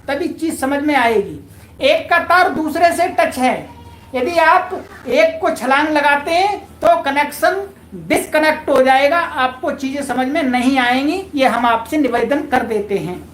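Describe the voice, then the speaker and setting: A woman's voice: high voice, roomy sound. A woman teaching a Sanskrit grammar lesson online, patient and polite, repeating key points to her viewers.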